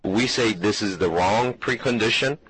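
A man interpreting a speech as a translation voice-over, in a firm and measured way. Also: fairly low pitch, fairly bright tone, rough recording.

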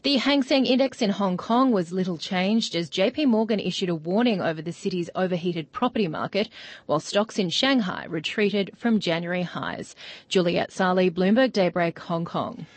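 A woman's voice: lowish voice, moderate pace, no room sound. A woman delivering a scripted market news report as a radio correspondent.

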